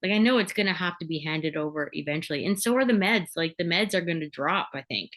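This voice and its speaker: Woman, bright tone, earnest chatty sharing on a support call. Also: fairly low pitch, expressive, quick pace. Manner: earnest, chatty, filler-heavy. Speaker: peer support group member. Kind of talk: casual spiritual sharing on a video call.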